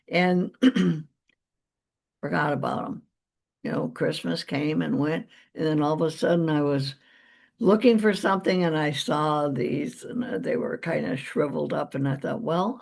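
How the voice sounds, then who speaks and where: A woman's voice: fairly low pitch, a little mellow. A middle-aged woman with an American accent in a casual vlog-style chat, rambling along with small chuckles. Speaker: vlog host. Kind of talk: casual gardening chat to viewers.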